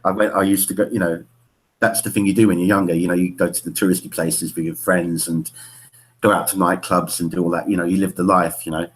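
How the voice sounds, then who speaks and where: Middle-aged male stand-in host, very low voice, chatty and rambling, video call. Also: flat delivery, quick pace. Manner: rambling, peppered with "you know". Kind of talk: casual video-call chat.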